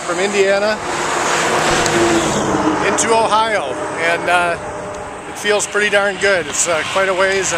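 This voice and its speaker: A man walking on rural roads who records a casual video diary and interviews strangers in a halting way, full of "uh" fillers. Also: high-pitched, very noisy. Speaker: walker filming a fundraiser walk.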